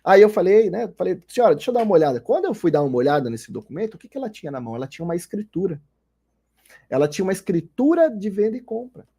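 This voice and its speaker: A Brazilian man gives a recorded law lecture in a warm, mellow voice with a husky edge. He explains each point patiently and keeps checking in with rhetorical questions for his listeners. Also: high voice, very animated, fast. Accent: Brazilian Portuguese. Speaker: law lecturer, former notary clerk.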